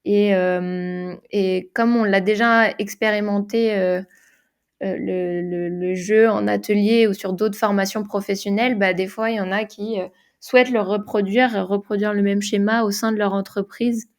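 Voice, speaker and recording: A woman of medium pitch answers interview questions about using games in workshops. She thinks aloud as she goes, with frequent hesitations and restarted phrases. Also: fairly even intonation, normal speed. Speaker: game designer and facilitator.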